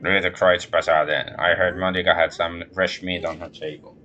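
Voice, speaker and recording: A man voicing a shrewd, heavyset male troll on prosthetic legs in a video game, speaking in a calm, plain way. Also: sits low, normal speed, dull audio, soft background music. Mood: friendly.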